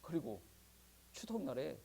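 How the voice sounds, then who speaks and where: A male pastor preaching a sermon in a conversational, animated way, often chuckling. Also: fairly high pitch, a little slow, vocal fry, a little hiss or hum. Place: church.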